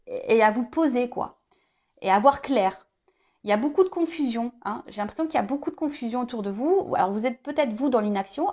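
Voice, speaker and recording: A woman's voice: on the high side, dull audio. A woman giving a casual tarot reading to her viewers, hesitant, restarting and repeating words, often tagging on little asides. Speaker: tarot card reader.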